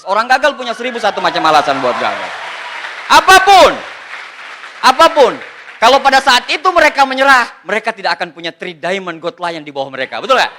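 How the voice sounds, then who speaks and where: A man telling a comic story to a seminar audience as a motivational speaker, animated and exclaiming, acting out what others said. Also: extremely high pitch, a little hiss or hum. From Indonesia.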